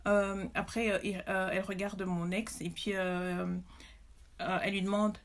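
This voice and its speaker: In a flat, mid-range voice and at a measured pace, this Belgian woman recounts her story as a mother in a personal testimony to camera. She is emotional and indignant, with frequent hesitations.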